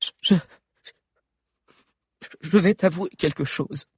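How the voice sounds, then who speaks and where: A man's voice: a little high, takes it slowly, husky, no echo, clean studio sound, pitched above the performer's own voice, heavily acted. A man reading an audiobook and voicing a defiant, stubborn teenage boy who stammers under pressure. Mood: stammering. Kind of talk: audiobook character voice.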